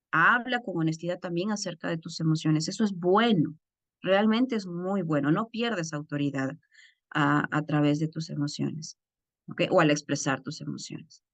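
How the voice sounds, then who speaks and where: A woman's voice: fairly low pitch, no room sound. A woman giving an online course lecture, explaining step by step and often checking in with her listeners. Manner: acts out example phrases in changed voices.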